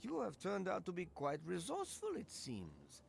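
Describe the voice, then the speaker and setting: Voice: medium pitch, wildly swooping pitch, normal speed, gravelly, husky, full character voice. An actor voicing a haughty, sinister video game villain with formal, precise, condescending speech who toys with the listener. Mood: haughty, amused. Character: creepy, haughty little girl hiding a sinister controlling old man. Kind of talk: video game character acting. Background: game music.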